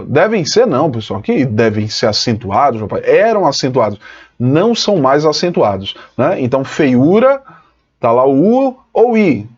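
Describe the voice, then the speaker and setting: Man, online teacher, higher voice, muffled lo-fi audio. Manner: lively, explanatory, addresses students as "pessoal". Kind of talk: online exam-prep lesson.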